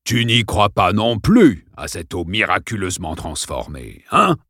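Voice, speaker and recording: A man puts on a menacing school principal from a storybook. He speaks slowly, in clipped, commanding orders, with a low voice. The recording is dry and close. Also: wildly swooping pitch, a bit bright, breathy edge, no room sound, exaggerated voice. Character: cold menacing middle-aged male school principal.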